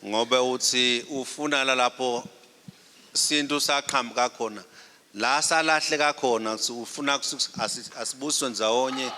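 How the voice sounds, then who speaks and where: A man giving a formal ceremonial welcome speech with halting, deliberate phrasing. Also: medium pitch. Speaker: royal delegate giving a welcome address. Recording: echoing hall, faint noise.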